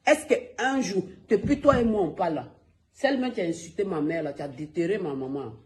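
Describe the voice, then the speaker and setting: A man's voice: high voice, animated, brisk, a little mellow. Heated man ranting on a livestream. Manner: emphatic, repetitive, addressing viewers directly. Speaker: gossip live-streamer. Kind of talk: heated phone livestream rant. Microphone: phone.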